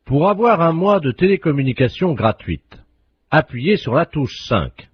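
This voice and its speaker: Type: prank operator. Figure: man playing a deadpan phone-menu voice. Quality: muffled. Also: fairly high pitch, a little slow, breathy edge, no echo, full character voice. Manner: stiff recorded-menu delivery. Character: male phone-company automated operator, absurd.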